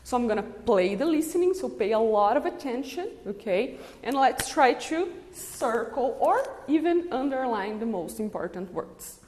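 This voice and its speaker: Woman teacher, slightly high, lively delivery, reverberant recording. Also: measured pace, few pauses. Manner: switches between English and Portuguese, checks in with "okay?". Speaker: English teacher. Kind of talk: classroom lesson explanation. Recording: long reverb.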